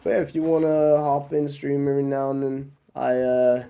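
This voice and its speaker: Coughing through his illness, a young man from Norway rambles to his stream audience as he games, full of fillers and false starts. His mid-range voice is monotone, gravelly yet mellow, clear and resonant, at a moderate pace, though the sound is lo-fi.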